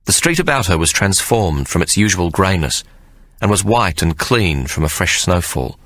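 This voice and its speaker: Deep-voiced male audiobook narrator. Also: big pitch swings, moderate pace, fairly bright tone, dry recording. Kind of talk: scripted narration.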